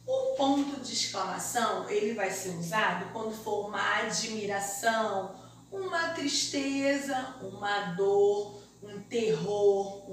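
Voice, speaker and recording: A Brazilian woman teaching a remote lesson to young children, explaining slowly and deliberately in a sing-song way. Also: fairly high pitch. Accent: Brazilian Portuguese. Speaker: primary school teacher. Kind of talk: remote primary school lesson. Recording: very echoey room, mic far off, faint hiss.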